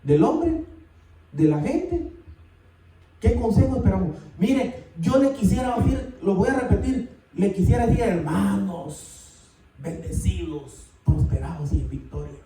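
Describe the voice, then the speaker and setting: A man preaching a sermon, animated and calling out to the congregation often. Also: extremely high pitch, measured pace. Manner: animated, calls out "hermano" often. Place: church sanctuary. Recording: echoey church from far off.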